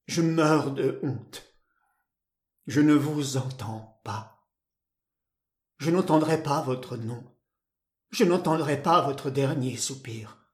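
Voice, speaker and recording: A man voicing a grave young woman who speaks in a bitter, despairing, hushed way, in a storybook reading. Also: mid-range voice, natural voice. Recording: roomy echo.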